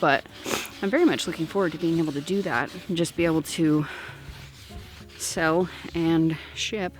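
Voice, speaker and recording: A woman's voice: low voice, moderate pace. A young woman vlogging outdoors on her homestead, talking casually in a rambling, distracted way with lots of fillers, a little out of breath. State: slightly out of breath. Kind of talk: casual vlog talk.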